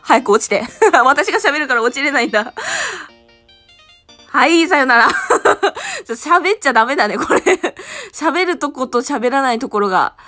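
A young woman giving casual gameplay commentary as a streamer, excitable and quick to break into shouts and laughter. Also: high voice, soft background music. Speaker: game streamer.

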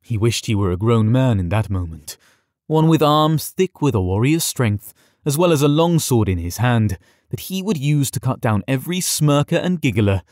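A man narrating a fantasy story in an expressive, dramatic reading. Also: medium pitch, moderate pace, dry recording, clean studio sound. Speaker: audiobook narrator.

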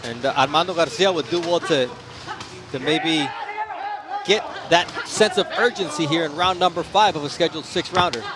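Higher-pitched male boxing play-by-play voice. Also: normal speed, a crowd in the background. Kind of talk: live sports commentary.

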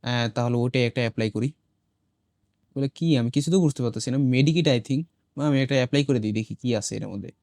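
Hoarse male gaming host, mid-pitched, chatty running commentary, dry close sound. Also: quick pace, a little mellow, no echo. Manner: chatty, talks to viewers as he plays, mixing in English exclamations. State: hoarse from a cold. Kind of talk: casual gameplay commentary.

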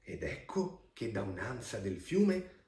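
Guy reading a kids' picture book out loud, voice swinging all over the place, gentle and expressive, kinda echoey room. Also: medium pitch. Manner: expressive, gentle storytelling with pauses for a child. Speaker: storybook reader.

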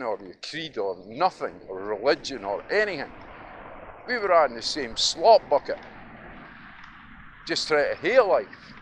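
His voice is a little high and a bit bright: a middle-aged Dundonian vlogger with a Scottish accent, rambling casually as he walks outdoors along city streets. He reminisces, gets opinionated and emphatic, and chuckles often, over noisy audio full of traffic and street ambience.

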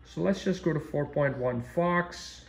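A man in a hotel room giving a halting, step-by-step demonstration, with lots of ums and uhs, while filming a screen. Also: on the high side, creaky. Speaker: product demonstrator. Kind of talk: casual off-the-cuff demo narration. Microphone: phone camera filming a TV screen, voice off camera.

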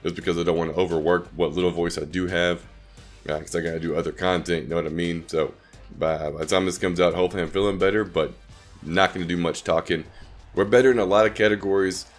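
A man with a scratchy, sick-sounding throat, giving laid-back, casual commentary on the game he's playing, with short excited outbursts. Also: deep voice, fast talker, soft background music. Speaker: gaming YouTuber.

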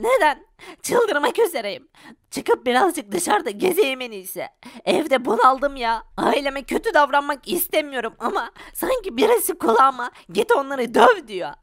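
A woman's voice: high-pitched, no echo, studio quality. A woman voicing a confused, moody poor father in a Minecraft parody, fretting aloud to himself. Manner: fretful, talking to himself.

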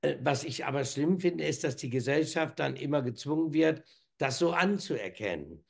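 A fifties-aged male co-host jokes and rambles through a lighthearted video call from indoors at home, often restarting his sentences, picked up by a webcam mic. His pitch is fairly high and expressive, with vocal fry, at a normal speed.

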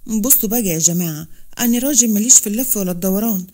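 A woman's voice: medium pitch, racing, mellow, lightly acted. A woman voicing a plain-spoken older Upper Egyptian patriarch with an Upper Egyptian accent, talking directly in a storybook reading. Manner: direct, no-nonsense.

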